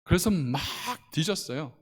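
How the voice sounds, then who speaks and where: A middle-aged pastor from Korea delivers an impassioned sermon, his voice sitting a little high for a man. He rises to loud, pleading calls and drops to quiet, intimate storytelling. The sound rings with the long reverb of a church sanctuary. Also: animated, normal speed, breathy edge. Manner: impassioned preaching, swinging from loud to hushed.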